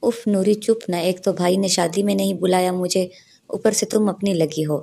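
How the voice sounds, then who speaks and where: A woman's voice: lowish voice, steady tone, normal speed, darkish tone, close to an everyday voice. Woman voicing a naive young sister. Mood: surprised. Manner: innocent, surprised.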